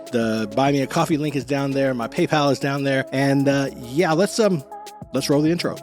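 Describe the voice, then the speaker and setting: A man's voice: on the high side, darkish tone. A man who works as an acting coach, chatting casually and self-deprecatingly as he reacts to music videos.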